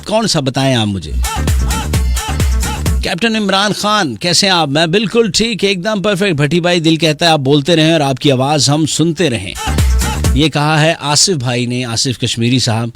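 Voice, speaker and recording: A man with a Pakistani accent and a slightly high, bright, animated voice hosts a radio show as a live social media session. With music playing behind him, he reads listeners' messages aloud, teasing them with theatrical banter and mixing Punjabi with English.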